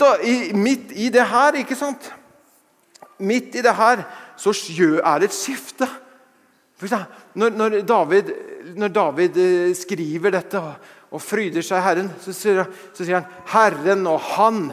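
A man preaching a fervent sermon, often rising to loud exclamations and snatches of song. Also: sits high. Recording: long reverb of a large hall.

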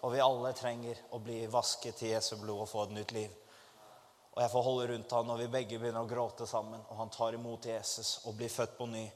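A man preaching a testimony to a congregation, telling his story in an animated way and rising to fervent exclamations. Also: medium pitch. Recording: long hall reverb.

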